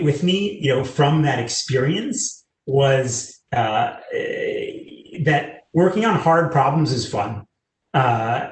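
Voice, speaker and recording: A man with an American accent and a medium-pitched voice answers questions in a conversational panel interview as a tech company's public sector lead. He's earnest and fluent, with frequent "you know" fillers, and the recording is rough and roomy.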